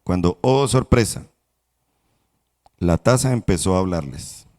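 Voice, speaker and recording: A male pastor delivering a sermon, telling a parable in a slow, measured, dramatic way. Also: low-pitched, animated, dark tone. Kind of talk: sermon storytelling. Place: church.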